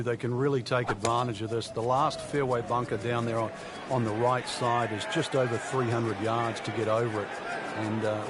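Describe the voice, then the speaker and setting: Folksy male golf commentator over crowd noise. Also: medium pitch. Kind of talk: golf commentary, conversational analysis. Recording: outdoor crowd noise throughout. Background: loud crowd and outdoor ambience.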